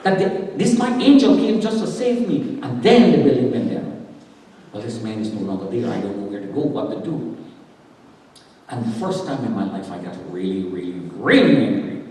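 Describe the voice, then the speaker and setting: A man's voice: medium pitch, very animated, moderate pace, mellow, a little hiss or hum. A man giving a dramatic testimony as guest speaker in church, acting out the words of the people in his story. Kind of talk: testimony sermon. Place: church sanctuary. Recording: echoey church hall from far off.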